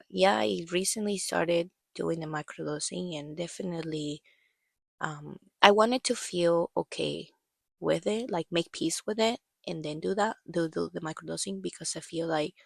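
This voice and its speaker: A woman in her thirties hosts a podcast, telling a personal story in a rambling, hesitant way full of fillers. Her low voice has vocal fry and sounds worn from allergies and coughing, and the recording is dry.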